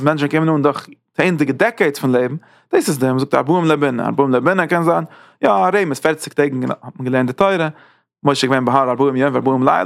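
A man giving a Torah lecture at a very fast clip, his voice gravelly with fry. He restarts and repeats phrases as he works through each point. The sound is dry and close, with no room echo. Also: medium pitch. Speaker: Torah teacher.

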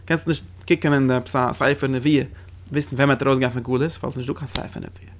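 A man with a gravelly, creaky voice teaching a lesson on religious texts. He talks quickly and explains as he goes. He keeps asking rhetorical questions and then answers them himself. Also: mid-range voice, fairly even intonation, slight background noise. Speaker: Torah teacher.

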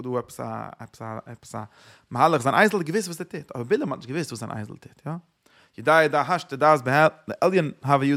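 A man giving an informal religious teaching, halting and repeating himself, with English words mixed in. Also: medium pitch, creaky, a bit bright.

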